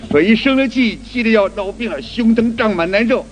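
A man's voice: high voice, a little fast, a little hiss or hum. A man giving a spoken qigong lecture who acts out little everyday scenes and repeats and restarts his phrases. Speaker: qigong teacher. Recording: long hall reverb.

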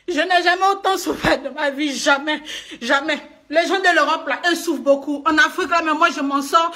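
A woman's voice: high-pitched, fairly quick, sharp tone. An upset woman speaking live in a video, tearful and repeating herself as she pleads her case. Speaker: singer and stage performer. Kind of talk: emotional live video rant. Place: indoors in a private home.

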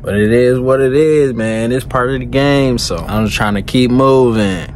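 Speaking at normal speed in a medium-pitched voice, a man in his thirties vlogs from his truck cab late at night. He's relaxed and slangy, keeps dropping "you know what I'm saying," and talks into a phone held close at arm's length amid slight background noise.

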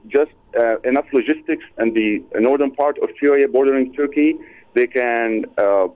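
A man calling in to a talk radio show, speaking forcefully but haltingly, with many fillers. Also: medium pitch, no echo. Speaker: caller. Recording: tinny phone line.

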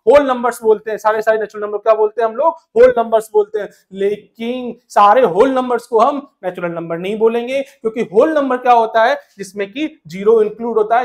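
A male math teacher walks students through an exam-prep lesson. He keeps asking rhetorical questions and answers each one himself. He addresses listeners fondly as "my dear" and counts numbers aloud in a steady rhythm. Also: extremely high pitch. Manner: calls listeners "my dear", mixes English terms into Hindi.

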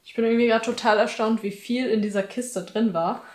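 Talking to the camera from her small, bright apartment, a young lifestyle vlogger in her twenties goes over her chores in a chatty, upbeat way. Her voice sits on the high side, moves a little fast, and keeps a fairly even intonation.

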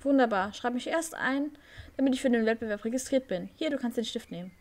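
A woman's voice: fairly high pitch, fast, darkish tone, pitched above the performer's own voice, close to an everyday voice. A woman voicing Ricky, a nervous young male rider in a horse game, reading his lines aloud with small slips.

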